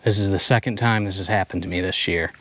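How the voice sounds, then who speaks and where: A man's voice: sits low, quick pace, fairly bright tone. A man narrating a day of hunting while walking through hilly woods outdoors, talking to the camera and slightly out of breath. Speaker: hunting vlogger.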